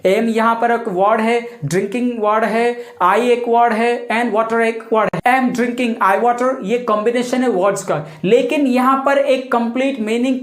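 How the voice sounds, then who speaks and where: A woman teaching English grammar in a video lesson, reading English definitions slowly and explaining quickly in Hindi. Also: a little high, reverberant.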